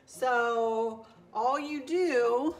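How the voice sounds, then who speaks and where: A woman's voice: on the high side, very slow. Chatty woman in her fifties. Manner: chatty, heartfelt, repeats words for emphasis. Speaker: vlogger. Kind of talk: casual home vlog. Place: home kitchen.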